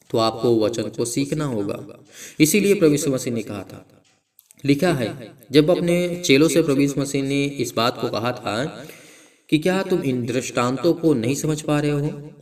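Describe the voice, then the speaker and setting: Male pastor, sermon delivery, piles up short repeated phrases and lifts into emphatic quotes; mid-pitched, mic set back a little. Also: darkish tone, recorded from a distance.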